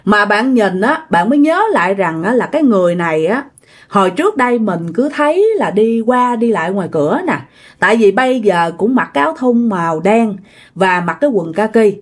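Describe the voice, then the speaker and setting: A woman's voice: mid-range voice, animated, brisk. A woman with a Southern Vietnamese accent narrating ghost stories in a chatty way, speaking directly to her listeners. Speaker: storyteller.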